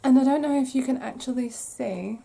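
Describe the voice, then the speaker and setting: A woman hosting a crochet podcast, chatting casually to camera with a croaky throat she keeps clearing, apologetic and self-deprecating. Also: high-pitched, fairly quick, dark tone. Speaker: podcast host.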